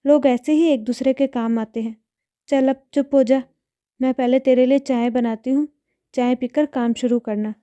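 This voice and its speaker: A woman's voice: high voice, fairly even intonation, moderate pace, dark tone, dry recording, close to an everyday voice. A woman voicing a kind, composed woman in her thirties in a read-aloud story. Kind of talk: storybook narration.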